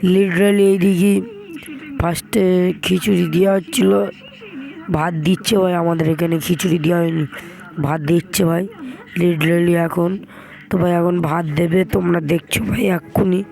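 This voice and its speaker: A hoarse young man, chatting casually to viewers as he vlogs and calls them brother. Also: sits high, flat delivery, unhurried, long pauses, darkish tone, poor audio. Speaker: vlogger. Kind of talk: casual vlog narration.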